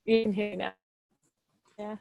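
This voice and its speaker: A woman's voice: medium pitch, little pitch movement, normal speed, vocal fry, phone-quality sound. Woman on a choppy video call line. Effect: choppy, dropping internet connection. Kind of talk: casual video call chat.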